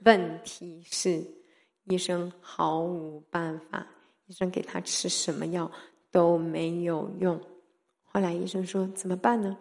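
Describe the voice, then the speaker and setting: A woman in her thirties preaching a personal testimony, telling the story in an animated way that swings from soft talk to loud, emphatic calls. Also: on the low side, a little slow, vocal fry. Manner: mixes in English words. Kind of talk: sermon testimony.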